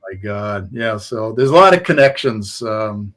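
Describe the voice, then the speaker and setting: A man's voice: fairly low pitch, lively intonation, measured pace, a bit bright, a little hiss or hum. A man co-hosting a sports talk radio show, telling long rambling anecdotes that trail off at the ends. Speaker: co-host.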